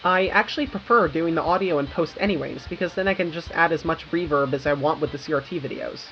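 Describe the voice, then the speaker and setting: Low-voiced and quick, this young woman from the United States narrates a scripted video essay, dropping in informal, wry, self-aware asides. The sound is lo-fi, with background music underneath.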